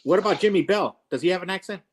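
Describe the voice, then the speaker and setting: A man from Arizona with a slightly raised pitch chats casually in a group. He has a teasing way of talking and often puts questions to the others. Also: very fast, a loud crowd. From Arizona, United States.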